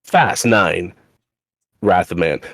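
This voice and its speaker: A man's voice: low voice, takes it slowly, a bit bright, no echo. A young man co-hosting a podcast in casual chat, rambling through lists and teasing playfully. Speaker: podcast co-host.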